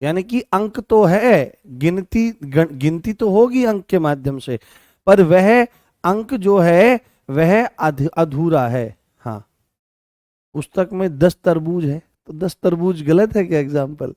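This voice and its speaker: Speaking slowly but with animation, this man has a fairly high pitch and a darkish tone, in a clean studio recording free of echo. He hails from Rajasthan and runs an online exam-prep lesson on Hindi grammar, repeating phrases, self-correcting, and answering his own questions.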